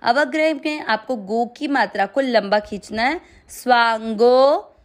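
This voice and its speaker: A woman's voice: on the high side, moderate pace. A woman teaching the pronunciation of a Sanskrit hymn, spelling out syllables patiently and stretching long vowels as she recites. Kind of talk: slow step-by-step recitation lesson.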